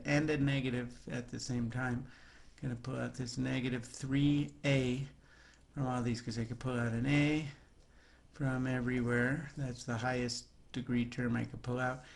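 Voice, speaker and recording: A man's voice: mid-range voice, vocal fry. A man teaching a recorded math lesson, talking students through the steps in a chatty way with jokey asides.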